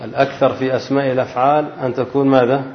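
A man teaching grammar to a class. He keeps asking prompting questions and answering them himself, and he slows down to read quoted lines aloud. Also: mid-range voice, little pitch movement, slight background noise. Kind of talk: classroom lecture to students. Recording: echoey hall, dull lo-fi sound.

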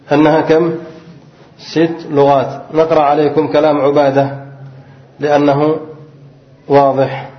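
A male grammar teacher lectures in a reverberant room, his voice slightly raised in pitch. He reads a text aloud, stops to ask his students questions and answers them himself, repeating the main points. The recording is muffled and lo-fi. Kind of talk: classroom lecture, reading and explaining a text.

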